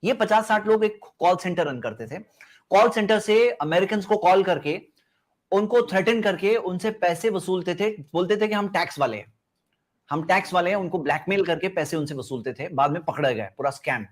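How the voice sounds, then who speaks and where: A high-pitched man argues in a heated live debate. He is insistent and keeps circling back to the same rhetorical questions to press his point. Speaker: debate host.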